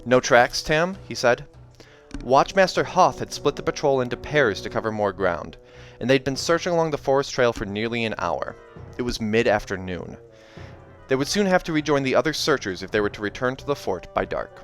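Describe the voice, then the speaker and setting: Over background soundtrack music, a reading-series host talks through a book and reads from it in a loose, conversational video, often stopping to correct himself. His voice is mid-range and sing-song, and he speaks a little fast.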